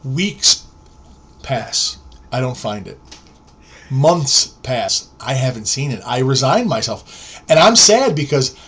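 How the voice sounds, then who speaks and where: A man in his forties tells a story on a podcast in a relaxed, chatty way. He acts out each quoted line with bursts of energy. His voice sits at an ordinary middle pitch. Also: takes it slowly, husky. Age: 40s. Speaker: podcast co-host. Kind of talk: casual storytelling chat.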